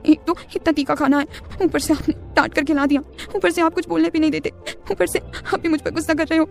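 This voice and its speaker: A woman's voice: sits high, fast, mellow, faint music behind, close to an everyday voice. A woman voicing a timid, innocent young woman who turns whiny and sulky when scolded.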